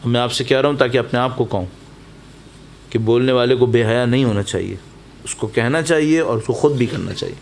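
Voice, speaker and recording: This man's voice is gravelly and medium-pitched, with a faint hiss or hum, as he preaches at a mourning gathering. It's a Muharram majlis sermon in a mosque or majlis hall, full of stories and emphatic, repeated exhortations to his listeners.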